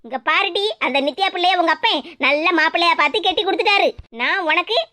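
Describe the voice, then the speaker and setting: A woman's voice: very high-pitched, fast talker, bright, forceful tone. A woman voicing a suspicious, scolding mother in a cartoon, with a Kanyakumari Tamil accent. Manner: scolding, nagging. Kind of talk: cartoon comedy dub.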